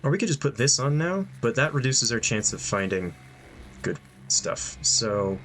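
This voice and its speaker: A young man streams gameplay with very animated, fairly bright, medium-pitched commentary at a moderate pace, thinking aloud with many ums and dry asides. Game music runs underneath, along with slight background noise.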